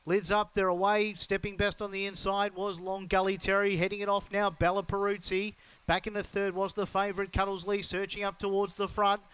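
Urgent Australian male race caller, high-pitched. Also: a little fast, clear, resonant tone. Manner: urgent, rising excited race-call delivery. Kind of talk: race-calling commentary.

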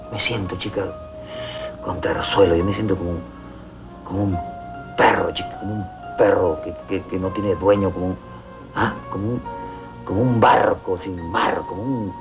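A man's voice: fairly low pitch, vocal fry. Melodramatic lovesick Venezuelan man. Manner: melodramatic, rambling. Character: lovesick comic older man, theatrical and self-pitying. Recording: dull TV audio with music.

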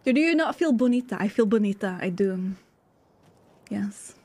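This woman has a mid-range, expressive voice with a darkish tone and a moderate pace. On her live stream she eats and plays a game while chatting easily with viewers, laughing frequently and talking between bites.

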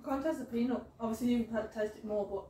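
A woman's voice: a little high, very fast, dark tone, recorded from a distance. A woman in a casual taste-test chat, talking while chewing and trailing off hesitantly. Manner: hesitant, trailing off, agreeable murmurs. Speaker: snack taste tester. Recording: echoey room, voice off-mic, faint hiss.

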